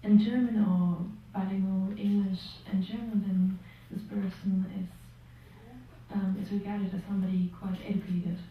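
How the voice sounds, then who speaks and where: A woman's voice: medium pitch, flat delivery, moderate pace, a little hiss or hum. A woman speaking on a literary panel in a bookstore, hesitant, with many ums and self-corrections. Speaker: panelist, writer. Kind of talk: panel discussion answer. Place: bookstore event room. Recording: tinny, echoey sound from far off.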